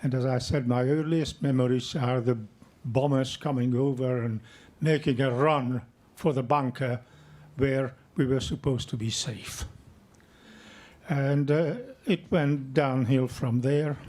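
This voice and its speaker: A man in his eighties, born and raised in Hungary, giving an unprepared, measured speech at an event. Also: mid-range voice, fairly even intonation, darkish tone. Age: 80s. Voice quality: slow, measured, deliberate delivery. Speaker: audience member speaking.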